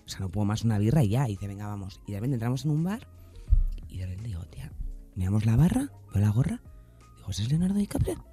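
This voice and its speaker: A woman from the Basque Country telling a comic anecdote in casual group chat, animated and acting out the voices she quotes. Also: rumbling low, fast talker, breathy edge, faint music behind. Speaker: storyteller.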